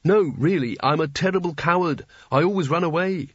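A cowardly male wizard who whines and pleads in a raised, husky voice, read in an audiobook by a man putting him on. The sound is dry and dull. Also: a little high, a little fast, dry recording, pitched above the performer's own voice, close to an everyday voice. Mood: wailing. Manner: whiny, pleading.

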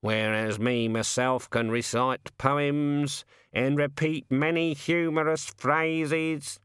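A man voicing a cocky, talkative male raven who grumbles in a slow, drawling, working-class way. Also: fairly high pitch, steady tone, fairly bright tone, clean tone, no room sound, clean studio sound, pitched above the performer's own voice. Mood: grumbling.

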